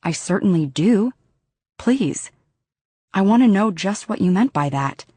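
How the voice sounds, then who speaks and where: A woman voicing a protective, blunt young man in an audiobook, speaking quietly and low. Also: animated, unhurried, slightly rough, no echo. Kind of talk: audiobook character dialogue.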